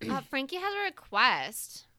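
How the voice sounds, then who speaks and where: Improv comedy: actress as mild female roommate, casual and halting, high, very lively intonation. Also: dry recording, heavily acted. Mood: accommodating. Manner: halting, casual, filler-heavy. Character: mild, accommodating female roommate hosting ghosts.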